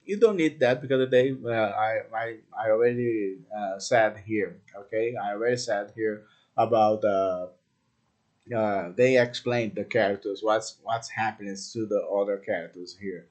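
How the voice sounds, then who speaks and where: A man giving a casual movie review, speaking halting, simple English full of fillers and tagging his sentences with "okay?" and "right?". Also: fairly low pitch, a little mellow. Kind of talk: casual unscripted review talk.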